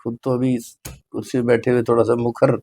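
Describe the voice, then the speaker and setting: A man's voice: mid-range voice, flat delivery, fairly quick, mellow, breathy edge. A middle-aged man, a hospital medical superintendent, answering interview questions earnestly and deferentially, slipping English phrases into his talk. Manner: mixes English phrases into speech.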